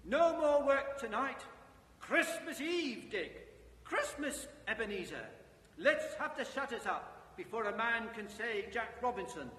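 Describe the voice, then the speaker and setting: A man's voice: very high voice, big pitch swings, unhurried, a bit bright, pitched above the performer's own voice, full character voice. A man voicing a jovial, fat old male merchant with an oily, rich voice. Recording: echoey room with long reverb.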